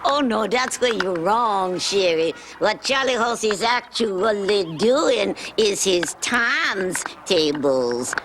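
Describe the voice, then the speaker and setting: A woman's voice: mid-range voice, noisy background. Charlie Horse, a woman doing a cocky boy horse. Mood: pleading. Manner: cocky, excitable, quick comebacks. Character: boyish wisecracking male puppet horse. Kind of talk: children's TV puppet comedy. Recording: music playing underneath.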